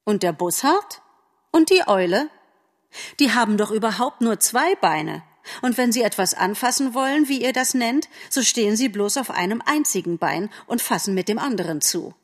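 A woman reading an audiobook aloud, voicing a scornful, stubborn female forest animal with dismissive, sharp retorts. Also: on the high side, expressive, normal speed, big-room sound, voice pushed up.

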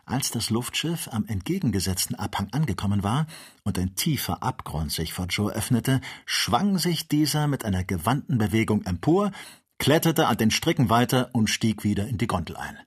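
Low husky male audiobook reader. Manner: measured, even storytelling. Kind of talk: scripted audiobook narration.

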